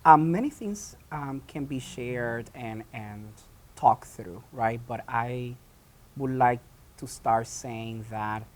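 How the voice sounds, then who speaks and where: Speaking at a medium pitch, this theatre founder and director from Puerto Rico responds to interview questions in a faltering way, full of pauses and fresh starts.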